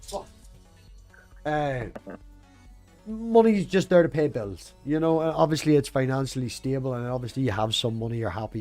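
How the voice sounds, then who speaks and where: A man from Northern Ireland with an Ulster Scots accent hosts a casual livestream. His mid-pitched voice rambles along in a blunt, sweary way, with music behind it. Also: a little mellow. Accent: Northern Irish, Ulster Scots. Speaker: livestream host.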